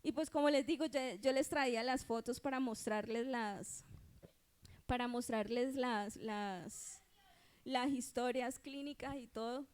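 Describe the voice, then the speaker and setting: A woman with a Colombian accent speaks in a high voice during a church sermon. She tells her testimony in an earnest, conversational way, often pausing to ask whether listeners follow. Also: a little mellow.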